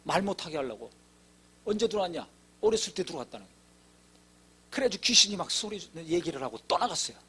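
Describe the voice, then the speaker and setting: A man with a high, husky voice delivers a sermon as a church pastor. He tells his story with dramatic swells in pitch and acts out quoted dialogue along the way. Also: sing-song, fast talker, sharp tone. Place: church sanctuary.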